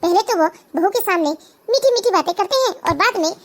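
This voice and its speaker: A woman's voice: very high-pitched, expressive, a little fast. A woman doing a sly scheming cartoon mother. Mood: coaxing. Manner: falsely sweet, honeyed. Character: scheming middle-aged mother, sly and sweet-talking. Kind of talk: cartoon voice acting.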